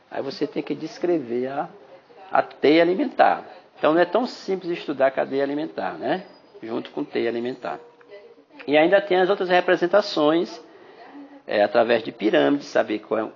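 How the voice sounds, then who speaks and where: Gravelly Brazilian biology teacher. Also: male voice, medium pitch, muffled recording. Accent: Brazilian Portuguese. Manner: chatty, addresses listeners as "galerinha", frequent "né?". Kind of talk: podcast exam-prep lesson. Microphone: phone recorder app.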